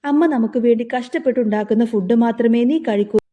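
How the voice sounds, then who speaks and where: A woman's voice: on the high side, fairly quick, mellow, big-room sound, lo-fi sound, lightly acted. A woman narrator reading the lines of a bossy, angry older brother, scolding and threatening in a story retelling.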